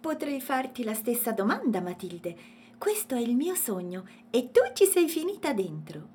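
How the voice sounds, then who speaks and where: A woman's voice: a little high, big pitch swings, normal speed, a little mellow, slight background noise, voice pushed up. Woman doing a cheerful baby elephant. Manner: cheerful, playful. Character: friendly young male elephant calf.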